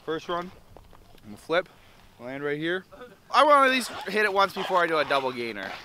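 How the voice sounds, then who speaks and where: A man's voice: on the high side, big pitch swings, fairly quick, pushed and bright, slight background noise, rough recording. A young man chatting and joking in a truck, hyped and playful. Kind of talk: casual chat.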